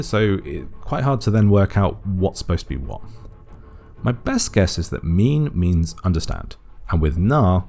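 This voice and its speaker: In a low, dark-toned, creaky voice, a man works through an analytical voice-over explainer. His video essay narration is methodical, thinking aloud and tentatively speculating.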